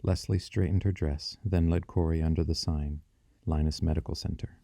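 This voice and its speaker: This is a male audiobook narrator with a very low voice and a dark, mellow tone. A gravelly fry runs through his measured, descriptive storytelling. The sound is dry and close. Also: fairly even intonation, no room sound.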